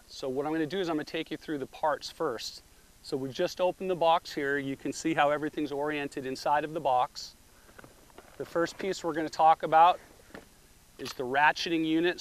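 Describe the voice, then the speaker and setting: Middle-aged guy showing off a roof rack at the beach, slightly high voice, walks you through each step. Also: fairly bright tone, smooth. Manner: plain step-by-step instructions. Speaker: product demonstrator. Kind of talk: product demonstration. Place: outdoors at a beach beside a car.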